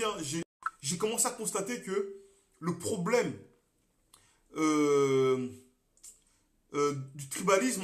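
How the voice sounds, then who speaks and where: A young Congolese man, a political activist, talking on a live stream with passion, repeating himself and swinging between loud and quiet. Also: high voice, roomy sound. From Congo (DRC). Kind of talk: monologue on a Facebook live stream.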